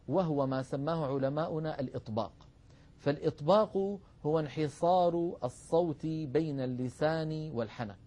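A man with a somewhat high voice leads a phonetics lesson, talking students through slides. He speaks patiently and directly to his listeners. He pronounces each example syllable slowly and clearly so they can repeat it. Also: mellow. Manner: models sounds aloud, drawing out syllables for the class; patient, addresses viewers directly. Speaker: Arabic phonetics teacher. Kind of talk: instructional lecture with slides.

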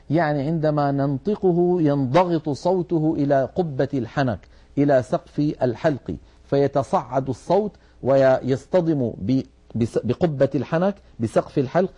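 A man teaching a Quranic recitation lesson, precise and methodical, slowly demonstrating how letter sounds are made. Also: mid-range voice, dark tone, highs cut off.

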